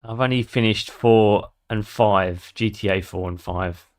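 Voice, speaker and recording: A man streaming a game and chatting away in a somewhat low voice. He swears freely and laughs often as he talks with his viewers. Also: fairly even intonation, a little slow. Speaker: gaming streamer. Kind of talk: casual gameplay commentary.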